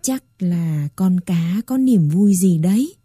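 A woman's voice: on the low side, expressive, takes it slowly, breathy edge, no echo, studio quality, heavily acted. A woman voicing a stern, weary old grandmother. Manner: soft, weary, scolding.

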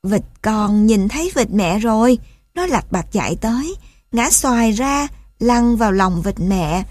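A woman narrating a children's fable in a gentle storytelling manner. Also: a little high, expressive, measured pace, no echo, clean studio sound.

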